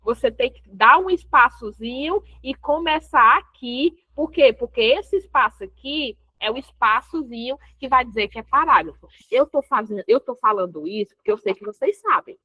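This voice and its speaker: A woman's voice: on the high side, lively intonation, moderate pace, bright, forceful tone, dry recording. A woman teaching essay writing with a Brazilian Portuguese accent in an online class, explaining step by step and answering her own questions. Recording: dull, dry lo-fi audio.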